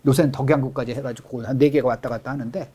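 A man's voice: mid-range voice, fairly even intonation, fast talker, dark tone, breathy edge. A middle-aged man, a real estate expert guest, explaining things in an interview with emphatic stress on key words.

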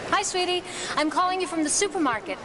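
An actress playing a sweet mom phoning in during a board game video. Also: female voice, extremely high pitch, animated, fast talker, heavy background noise. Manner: sweet, soothing. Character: sweet mom calling from a supermarket.

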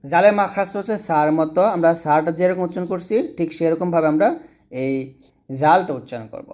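Guy teaching quran letters, fairly high voice, says each sound slow and over again so you can repeat. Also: a little mellow. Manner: patient, repeats sounds slowly for learners to echo. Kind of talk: teaching lesson.

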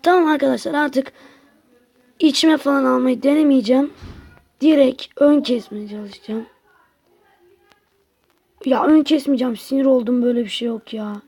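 A woman's voice: high voice, fairly even intonation, normal speed, long pauses, dark tone. A woman giving casual gameplay commentary to her viewers, grumbling and exasperated as she plays. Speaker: gaming channel host.

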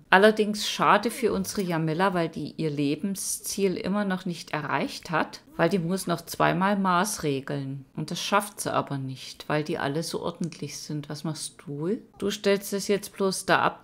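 Low-voiced woman chatting over gameplay. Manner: chatty, talks to her game characters. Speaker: let's-play host. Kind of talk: casual gameplay commentary.

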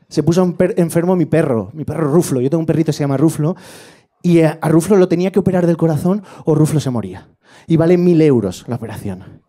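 A man performs stand-up, his voice sitting high for a man. He tells his stories with lively swings and bursts into shouted impressions of his relatives, with a club audience laughing behind him. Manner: animated storytelling, shifting into shouted impressions of family. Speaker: stand-up comedian. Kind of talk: stand-up comedy set.

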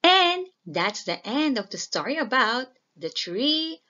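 A woman slowly and clearly reading a simple children's story aloud as a storyteller. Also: high-pitched, very animated, bright, forceful tone, dull audio. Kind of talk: slow storybook reading for learners.

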